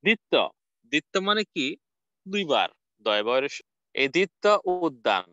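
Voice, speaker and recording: A man's voice: medium pitch, very animated, normal speed, sharp tone, no room sound. A man teaching a recorded college lecture, spelling out words letter by letter and asking and answering his own questions. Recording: dull lo-fi dry recording.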